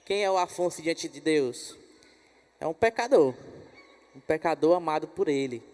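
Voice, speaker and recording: A man with a Brazilian Portuguese accent hosting a church conference, then leading a gentle prayer that keeps repeating "Pai". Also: fairly high pitch, normal speed. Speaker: host. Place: church hall. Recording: reverberant hall.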